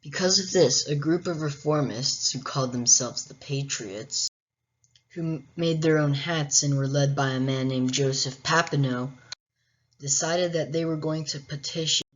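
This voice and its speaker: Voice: medium pitch, measured pace, fairly bright tone. A host narrating a history explainer in a casual way, with wry, joking asides. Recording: dull, muffled lo-fi recording.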